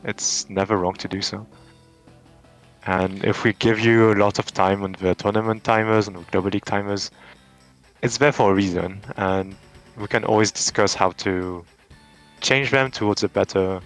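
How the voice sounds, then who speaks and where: A man's voice: fairly low pitch, steady tone, moderate pace, fairly bright tone, soft background music. A man with a French accent, answering interview questions in a casual, thoughtful way with frequent restarts and fillers. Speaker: tournament champion guest.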